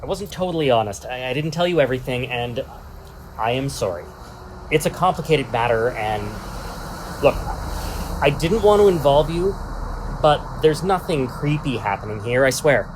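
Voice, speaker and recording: A man playing a nervous, placating character who speaks haltingly in a naturalistic audio drama. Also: medium pitch, lively intonation, noisy background, close to an everyday voice. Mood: nervous, apologetic. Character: nervous, apologetic man hiding something from a hired helper.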